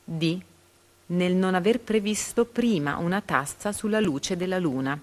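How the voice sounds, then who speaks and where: A fairly low-pitched, slightly mellow woman's voice reads out quiz questions on reading comprehension plus the answer options, pausing carefully after each letter.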